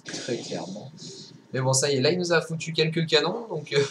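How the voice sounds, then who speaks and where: A man's voice: a little high, lively intonation, fairly quick, slight background noise. Rambling young man commenting a game. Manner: rambling, many fillers and restarts, swears casually. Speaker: gameplay commentator.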